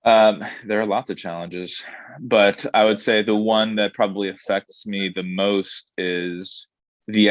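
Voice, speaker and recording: Low-voiced man speaking thoughtfully. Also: a bit bright, no echo, dull audio. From born in Saudi Arabia, grew up in Indonesia. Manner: thoughtful, measured, with frequent ums and restarts. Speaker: restaurant director. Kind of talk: interview answers.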